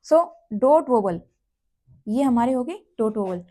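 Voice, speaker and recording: A woman's voice: on the high side, lively intonation, warm tone. A woman teaching a shorthand lesson, repeating each sound and place one by one. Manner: slow, repetitive, spells out sounds and places one by one. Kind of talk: classroom lesson explaining step by step.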